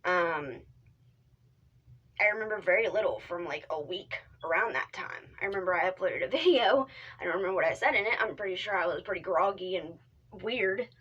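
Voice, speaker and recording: A woman's voice: fairly low pitch, expressive, a little fast, a bit bright, breathy edge, highs cut off. A young woman vlogging in casual chat, rambling with many fillers and restarts, speaking candidly and swearing now and then. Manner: drops into whispered asides. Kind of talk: casual talk to camera.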